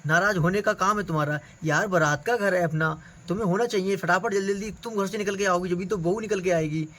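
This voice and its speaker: A man's voice: high voice, fast, fairly bright tone. A man performing an improvised doll-play skit in a bustling, chatty way, often tossing in casual fillers. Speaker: performer voicing dolls in a family skit.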